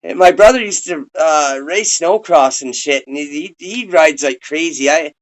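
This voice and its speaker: Casual male interviewer from Minnesota, high voice, loose rambling delivery. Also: normal speed, rough recording. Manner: laid-back, rambling, swears casually.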